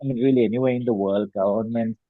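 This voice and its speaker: A man's voice: lowish voice, fairly even intonation, fast talker, dry recording. A man in a focus group meeting explains things hesitantly, with many fillers and restarts, over a video call line that keeps cutting out. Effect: choppy video call line that cuts in and out. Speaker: focus group participant from an education nonprofit. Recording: tinny dry call line.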